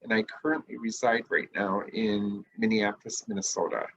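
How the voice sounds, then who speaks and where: A man from northeast South Dakota speaking as a panelist, earnest and deliberate. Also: fairly low pitch, fairly bright tone, breathy edge, muffled recording. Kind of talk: panel discussion.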